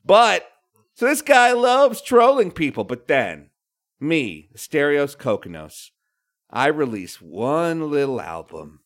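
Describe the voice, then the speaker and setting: A man, a comedian, chatting on a podcast in a deadpan way, dropping into hushed asides and sing-song quotes. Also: on the high side, takes it slowly. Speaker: comedian guest. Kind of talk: casual podcast chat.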